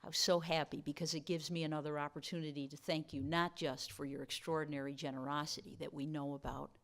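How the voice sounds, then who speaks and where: A woman's voice: deep voice, steady tone, quick pace, gravelly. A woman delivering a formal awards-dinner speech as the college's host, with playful asides to the audience. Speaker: college president giving dinner remarks.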